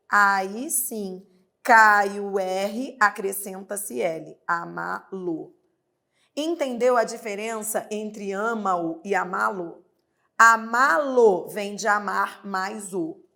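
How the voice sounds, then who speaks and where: In this online exam-prep grammar lesson, the teacher's voice is mid-range, pushed and bright. She has a Brazilian Portuguese accent, stretches out her examples, and asks rhetorical questions.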